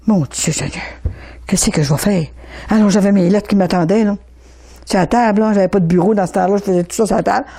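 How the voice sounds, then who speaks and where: Older Québécois woman, mellow tone, emotional testimony, stumbles and repeats herself in animated bursts. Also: mid-range voice. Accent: Québécois French. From Quebec. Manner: animated, repeats words, stammers in rushes. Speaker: speaker giving religious testimony.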